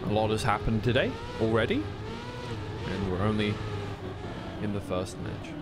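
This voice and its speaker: This esports commentator and streamer calls a racing game live, informal and a bit flustered, thinking aloud between calls and drifting into casual stream chat. His voice is on the low side at a moderate pace, over clear noise and game car engines in the background.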